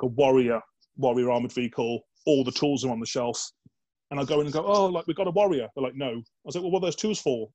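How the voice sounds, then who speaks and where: A man's voice: mid-range voice, a little mellow. A man with a mid-range voice tells army stories in an easygoing interview. His talk is blokey and loose, full of "like" and casual swearing. He keeps slipping into the voices of the people he is quoting. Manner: chatty and blokey, peppered with "like" and swearing, acts out quoted dialogue. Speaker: guest, former soldier. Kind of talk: casual anecdote telling in a podcast interview.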